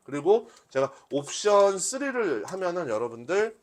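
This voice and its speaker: A male workshop instructor gives a live software demonstration to a class in a high, sing-song voice at a moderate pace. He teaches conversationally, often asking questions and answering them himself.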